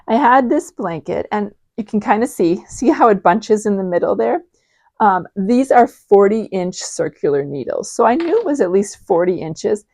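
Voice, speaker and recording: A woman's voice: mid-range voice, a little mellow, no room sound. A woman in her forties hosting a knitting podcast, chatting casually with frequent ums and restarts. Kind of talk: casual show-and-tell chat.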